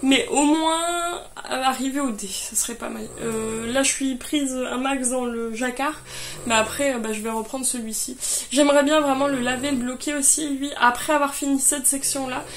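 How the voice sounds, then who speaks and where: A woman's voice: sits high, steady tone, moderate pace, slight background noise. Hesitant woman knitter chatting casually. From France. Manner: hesitant, many fillers and restarts. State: tired. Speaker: knitting vlogger. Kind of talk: casual chat.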